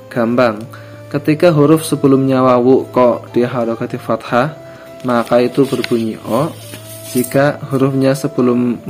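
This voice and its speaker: A man's voice: medium pitch, a little mellow. A man teaching a lesson on reading a script, patiently repeating examples and correcting his own slips. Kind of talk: screen lesson on Pegon script.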